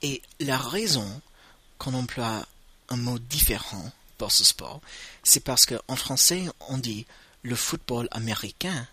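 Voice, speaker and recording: Taking it slowly with lively intonation, a man teaches vocabulary by saying each word and repeating it for students to copy. His mid-range voice sounds pushed, bright, and slightly rough.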